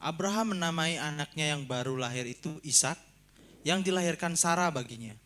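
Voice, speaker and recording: Man reading scripture, slightly high voice. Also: moderate pace, fairly bright tone. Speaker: scripture reader.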